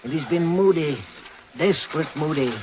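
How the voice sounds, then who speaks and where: An actor playing a gruff old Quaker whaling ship owner in an audio drama, using emphatic, archaic sailor speech. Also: male voice, fairly high pitch, normal speed, lightly acted. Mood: grave, warning. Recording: dull lo-fi radio drama recording, noisy.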